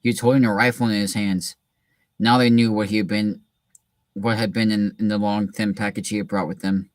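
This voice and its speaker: A man hosting a reading session and reading a story aloud in a relaxed way, with frequent restarts. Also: fairly low pitch, a little fast, dry recording. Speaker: host reading a book aloud. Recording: distant mic in a dry room.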